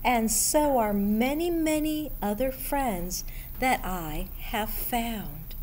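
A middle-aged woman reading a picture book aloud to children in an expressive, deliberate way, pausing as she addresses young listeners. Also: fairly high pitch, low-quality recording. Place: school library room, indoors. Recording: steady background room noise.

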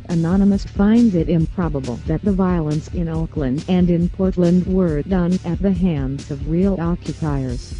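Give me a disguised synthetic computer voice as an anonymous spokesperson, reading a scripted statement in a flat, measured way. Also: mid-range voice. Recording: muffled lo-fi audio with faint music.

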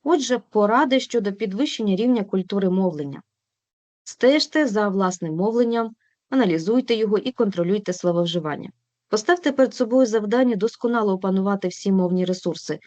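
A woman presenting an online language lesson in a measured, instructional way, clearly pronouncing each word and pausing now and then with a filler. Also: mid-range voice, darkish tone, dry recording. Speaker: lecturer in an online teacher training session. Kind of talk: instructional presentation, read from notes.

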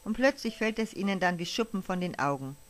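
A woman's voice: medium pitch, animated, a little fast, natural voice. A woman reading the part of a kind young night nurse who offers friendly, chatty comfort, over faint music. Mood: kindly.

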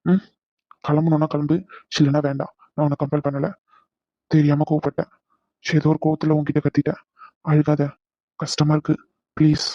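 A man's voice: high voice, fast talker, no room sound, dull audio, close to an everyday voice. A man voicing a stressed young husband in a cartoon, scolding his wife in long rants. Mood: soothing. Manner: scolding rants, softening into comfort. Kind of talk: cartoon voice acting.

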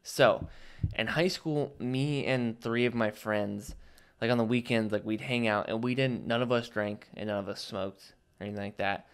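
A man with a low, gravelly voice tells a story in a relaxed, rambling way. He fills his sentences with "like" while chatting with his co-host. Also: normal speed. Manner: laid-back, full of "like" fillers. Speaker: podcast co-host. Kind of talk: casual chat, telling an anecdote.

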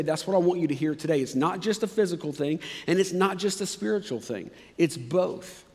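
A man preaching a sermon as pastor, telling the story with lively swings from loud excitement to hushed, low passages, with casual fillers. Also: long reverb tail. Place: church auditorium.

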